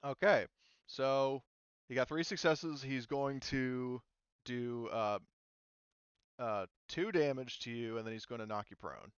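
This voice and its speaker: Acting as a tabletop game master, a man with a mid-range voice casually narrates and explains the rules, talking them through informally as he reads. His delivery is smooth and unhurried, and the recording has no echo but its highs are cut off.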